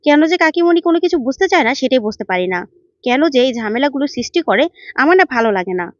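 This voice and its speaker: A woman's voice: high voice, very animated, rapid-fire, no echo. A woman voicing a level-headed young woman who pleads earnestly but firmly, in a dull, dry recording. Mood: pleading.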